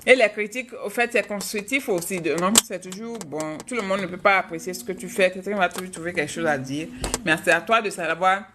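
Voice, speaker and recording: Brisk and fairly low-pitched, this adult mother from Africa answers viewers' questions and chats openly with them on her live stream. Background noise is audible.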